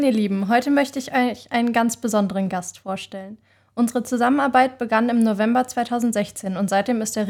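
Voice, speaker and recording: Woman, event organizer; prepared, glowing introduction. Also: mid-range voice.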